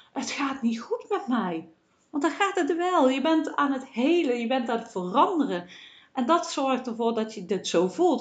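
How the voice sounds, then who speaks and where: A woman's voice: fairly high pitch, echoey room, highs cut off. A woman hosting a solo podcast, speaking earnestly and encouragingly as a coach, often adding a questioning "hè". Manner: earnest, encouraging, many "hè" tags.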